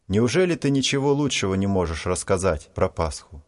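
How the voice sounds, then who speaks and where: A man reading a story gives voice to a proud, self-righteous schoolboy in a storybook. He speaks sharply and preachily, in a lightly raised register over a low natural voice. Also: very animated, brisk. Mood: scolding. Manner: sharp, scolding.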